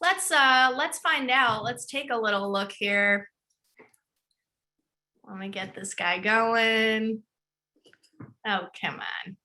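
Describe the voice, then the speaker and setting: A woman's voice: a little high, slow pace, long pauses, bright, forceful tone. A middle-aged woman from the Chicago suburbs, hosting an online open house as student programs director, with an upbeat, chatty delivery full of fillers. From northern suburbs of Chicago.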